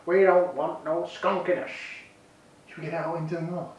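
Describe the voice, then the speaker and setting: Man, jokey beer reviewer, high-pitched, sounds set back from the mic. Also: fairly even intonation, normal speed, heavy reverb, recorded from a distance, highs cut off. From Yorkshire, England. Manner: chatty, jokey, self-deprecating. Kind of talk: casual vlog review.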